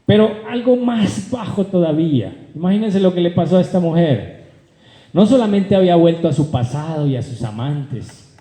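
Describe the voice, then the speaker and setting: A male pastor, preaching a lively sermon, calling out loudly and then dropping to low asides, and putting rhetorical questions to his congregation. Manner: animated preaching, swings from loud high calls to low asides; addresses the congregation directly, asks rhetorical questions. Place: church hall. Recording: echoey church hall.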